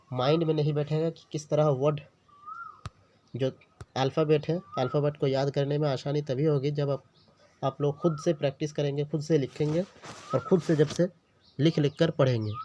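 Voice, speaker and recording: This Urdu teacher's voice sits on the high side and has a dark tone. He patiently takes a beginner through individual letters and words, repeating every one and checking in with the learner often, captured on a dull lo-fi recording with slight background noise.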